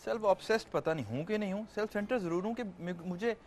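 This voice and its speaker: A man's voice: high voice, quick pace, slight background noise. A man from Pakistan, a guest on a talk show, chatting in a laid-back, joking way and mixing in English. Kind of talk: casual talk show chat.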